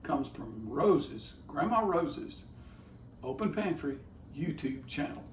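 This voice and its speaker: A man's voice: on the high side, big pitch swings, slow pace, echoey room, recorded from a distance, slight background noise. An older man, co-hosting a home cooking show and explaining nutrition step by step in a folksy, enthusiastic way. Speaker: cooking channel co-host. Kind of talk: casual chat, explaining nutrition. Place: home kitchen.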